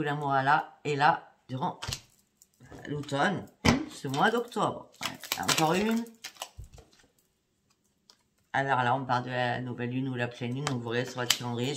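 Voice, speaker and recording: Chatty woman reading tarot cards. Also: a bass voice. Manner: chatty, keeps adding "hein" and "d'accord?". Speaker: psychic card reader. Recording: steady background noise with clicks.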